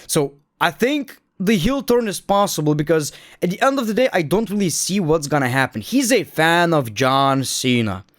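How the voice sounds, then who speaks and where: A man with a slightly high voice gives casual, opinionated commentary as a host. He jokes, gets sarcastic and swears freely, in a very dry recording. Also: big pitch swings, normal speed, no echo.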